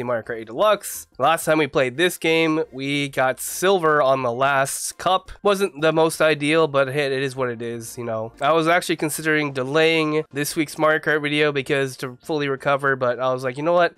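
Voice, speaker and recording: A gaming YouTuber, a young man whose voice sits a little high and is stuffed up with flu, excitedly and casually narrates a racing game he's playing. The tone is clean with no room sound, captured on a desk mic and face camera in his home gaming room.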